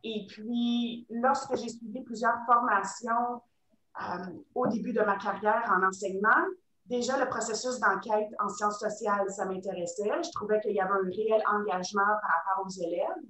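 Forties Canadian French woman, halting webinar testimony, roomy and distant laptop sound. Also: mid-range voice, fairly even intonation, pushed and bright. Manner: hesitant, many fillers and restarts. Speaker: teacher guest. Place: home room. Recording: roomy sound, far from mic.

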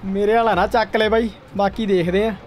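A young man casually commentating a game with a friend, excitable, repeating short exclamations. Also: high-pitched, brisk, a little hiss or hum. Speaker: gaming streamer. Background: tractor game sounds.

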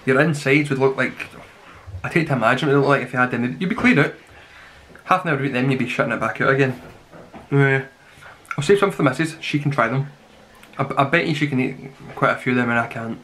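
A man in his twenties giving a rambling, casual review to camera, grumbling in a deadpan way. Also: medium pitch, quick pace, pauses often. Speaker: snack reviewer. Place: small plain room indoors. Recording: clearly noisy home recording with clicks.

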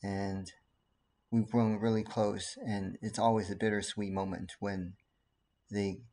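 Casting: man in his forties, from Taiwan, slightly low voice, earnest, measured, self-recorded webcam talk at home. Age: 40s. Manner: calm, earnest, measured with frequent fillers. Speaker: pediatrician. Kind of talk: casual talk to camera. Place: living room at home. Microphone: laptop webcam.

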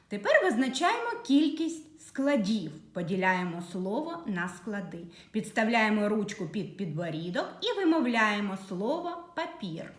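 A woman teacher giving a slow, patient reading and writing lesson to young children. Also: medium pitch, reverberant. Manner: slow, clear, patient dictation to young pupils. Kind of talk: early literacy lesson for children.

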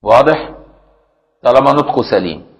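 Speaking with an Egyptian Arabic accent at a normal speed, an animated, medium-pitched man leads a religious lesson on Islamic jurisprudence, captured on dull audio. After reading a classical text aloud, he explains it plainly in everyday speech and keeps checking that his students find it clear.

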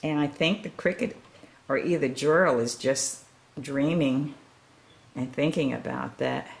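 A woman reading a children's picture book aloud, pausing to sympathize and ask the listeners questions. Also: very deep voice, vocal fry. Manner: gentle, asks listeners questions; sympathetic, comments between pages. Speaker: storytime reader.

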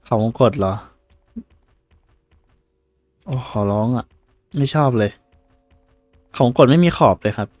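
Give me a man doing excitable, casual gameplay commentary with faint music underneath. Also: medium pitch, moderate pace, dry recording. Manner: excitable, swears casually, keeps exclaiming. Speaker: gaming video creator. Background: faint game soundtrack.

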